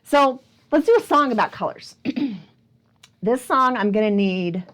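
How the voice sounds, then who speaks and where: This children's librarian has a higher, animated, slightly slow and somewhat bright voice. Leading storytime for little ones near a camera, she reads a picture book playfully, asking questions and marveling aloud.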